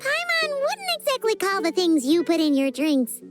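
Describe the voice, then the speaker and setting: A woman voicing a cheeky, squeaky little fairy-like companion in a video game. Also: huge pitch swings, normal speed, over loud music, heavily acted. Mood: cheeky, skeptical. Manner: cheeky, refers to herself in third person. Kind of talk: video game character dialogue.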